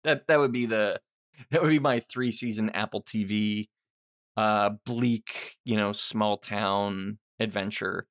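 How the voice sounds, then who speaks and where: Speaking slowly and steadily, this middle-aged man has a lowish voice that is clear, resonant, and a bit bright. He's a podcast host and writer fielding listener questions off the cuff, rambling and self-deprecating while he thinks things through.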